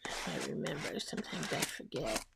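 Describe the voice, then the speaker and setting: A woman chatting casually as she makes a collage, rambling and talking to herself while she glues, her voice soft and sometimes dropping to a whisper. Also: low-pitched, normal speed, gravelly, very noisy. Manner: soft-spoken, drifting into whispers. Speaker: collage artist. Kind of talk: casual crafting narration.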